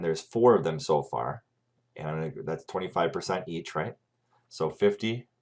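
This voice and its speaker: Over a screencast, a man with a low-sitting, darkish voice teaches math. He talks through each calculation one step at a time and keeps asking "right?" to check in.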